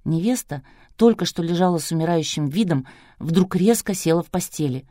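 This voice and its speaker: A woman narrating a novel in an even, measured way. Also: lowish voice, no room sound, studio quality. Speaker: audiobook narrator. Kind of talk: scripted narration.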